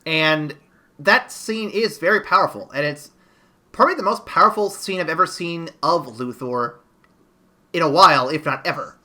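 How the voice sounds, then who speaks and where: A man's voice: on the high side, normal speed, sharp tone. A man hosting a podcast, reviewing a movie in casual chat and rambling through restarts and fillers. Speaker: podcast host.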